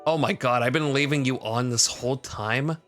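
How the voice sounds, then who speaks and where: A man's voice: medium pitch, moderate pace, a bit bright, soft background music. A man streaming a video game, joking and reacting casually to it. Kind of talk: casual gameplay commentary.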